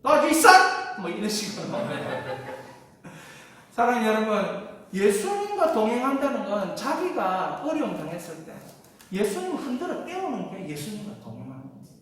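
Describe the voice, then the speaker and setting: A woman pastor preaching a sermon with lively call-and-response to her congregation. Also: medium pitch, normal speed. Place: large church sanctuary. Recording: echoey hall from far off.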